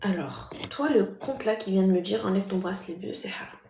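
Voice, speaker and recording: A woman's voice: medium pitch, brisk, vocal fry, roomy sound, a little hiss or hum. A woman streaming live, chatting casually with viewers in a mocking, talkative manner. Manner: chatty, mocking, talks loudly by habit. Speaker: livestreamer.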